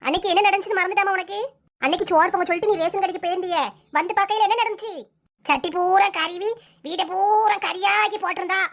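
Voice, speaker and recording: For a comic cartoon, a woman voices a bedridden old mother-in-law with a sharp tongue who nags and scolds. She uses a Kanyakumari Tamil accent. Her voice is very high-pitched, steady and fast.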